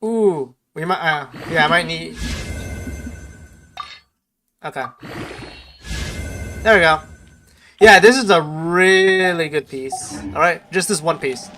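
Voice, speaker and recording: A man streams a game, chatting casually and muttering to himself in short, fragmented remarks. His voice is fairly high and slow, with long pauses, over a noisy background of game music.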